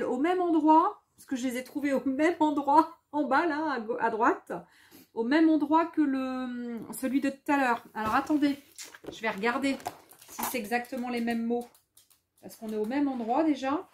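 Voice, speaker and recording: A woman chatting casually at home as she shows scrapbooking products. She thinks aloud, repeats her words and reads English labels slowly. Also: sits high, a little mellow. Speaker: scrapbooking vlogger. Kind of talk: casual haul chat, showing products.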